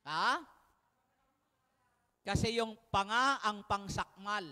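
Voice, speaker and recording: Male preacher, bright tense voice, animated storyteller, recorded with a long hall echo. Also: sits high, slow, smooth. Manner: lively storytelling, questions to the congregation. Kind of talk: sermon. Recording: reverberant hall.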